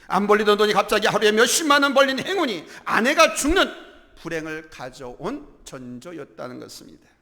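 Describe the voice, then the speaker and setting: A man preaches from the pulpit with an animated delivery that swings widely in pitch. His voice has a gravelly edge. The sound carries a long church-hall reverb. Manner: animated storytelling, voicing characters in the tale. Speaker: pastor. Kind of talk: sermon. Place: church sanctuary.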